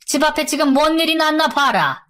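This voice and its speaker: A woman voicing an exasperated middle-aged mother who nags and scolds her grown daughter in a shrill, raised voice. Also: lively intonation, brisk, fairly bright tone. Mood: scolding.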